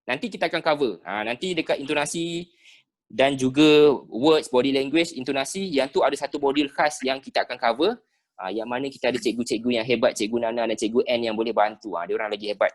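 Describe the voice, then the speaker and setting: A Malaysian man with a Malay accent teaching sales skills in an online class over a video call, animated and dropping "ha" between phrases. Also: medium pitch, fast talker. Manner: animated, peppered with "ha" and rhetorical checks. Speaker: sales trainer.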